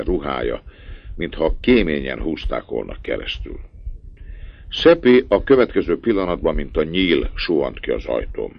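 A man reading a story aloud in a measured, expressive way with a gravelly voice. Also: rumbling low, no room sound. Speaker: narrator. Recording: dull dry lo-fi recording.

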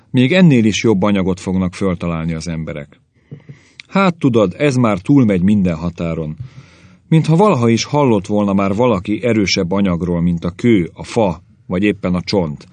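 A man's voice: on the low side, a little mellow, no echo. A man voicing a grumbling old caveman grandfather who rants and complains about the young, in a story reading. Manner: querulous ranting.

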